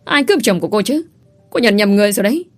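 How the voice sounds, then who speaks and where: A woman voicing a haughty, quick-tempered rich young lady who snaps orders. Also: mid-range voice, lively intonation, soft background music, lightly acted. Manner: sharp, commanding.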